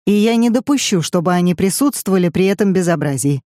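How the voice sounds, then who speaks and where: A man's voice: sits high, lively intonation, fast, darkish tone, no echo. A reader voicing a stern, commanding grandfather in his later years, read close and dry. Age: older. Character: stern grandfather, short grey man, commanding.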